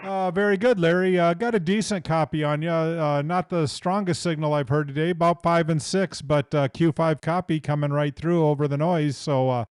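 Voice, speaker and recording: A man's voice: a little high, fairly even intonation, normal speed, few pauses, smooth, dry recording. An American man running casual amateur radio contacts into a close microphone. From Iowa, United States. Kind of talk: casual ham radio exchange.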